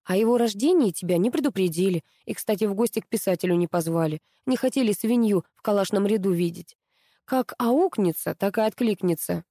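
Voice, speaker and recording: Woman narrator voicing a curt cold school director, measured, dry, mellow. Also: medium pitch, dry recording, natural voice. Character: stern middle-aged male school director.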